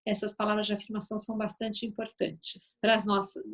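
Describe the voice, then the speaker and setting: A woman's voice: medium pitch, level tone, fairly quick, fairly bright tone. A woman with a Brazilian accent, a mother of three, giving a conversational talk at an event about family communication. She acts out sample phrases and often checks in with "né?". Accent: Brazilian Portuguese. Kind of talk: live talk to an audience. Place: event venue.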